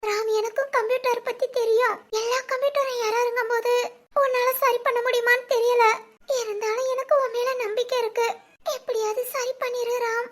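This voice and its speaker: Brief: a woman playing a weepy young woman, pleading, extremely high and thin. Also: flat delivery, brisk. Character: tearful apologetic young woman.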